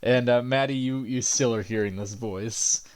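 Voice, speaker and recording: A young man runs a tabletop game as game master, chuckling between lines. He talks in halting bits and restarts his sentences, loose and easygoing as he sets out what the players see. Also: medium pitch, clean tone. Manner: laughing, halting, many restarts.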